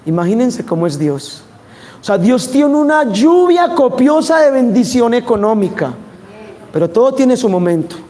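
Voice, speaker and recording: A man with a Colombian Spanish accent preaching a sermon, animated and asking his audience questions. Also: very high voice, moderate pace.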